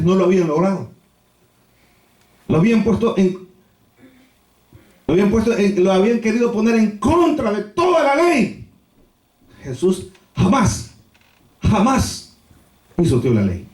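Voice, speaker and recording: A male pastor preaching an animated, storytelling sermon with rhetorical repetitions in a church. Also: high-pitched. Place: church sanctuary. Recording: echoey church from a distance.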